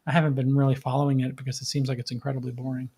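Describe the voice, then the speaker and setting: A podcast host riffs on startups off the cuff like an emphatic tech bro, leaning on jargon and repeating phrases for stress. He races along in a flat, dark, mid-range voice with a breathy edge.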